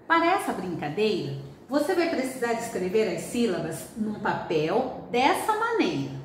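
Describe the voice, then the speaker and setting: A woman teacher with a Brazilian Portuguese accent, giving slow, clearly spelled-out instructions in a recorded lesson for children. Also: mid-range voice, huge pitch swings, a little hiss or hum. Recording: roomy distant home recording.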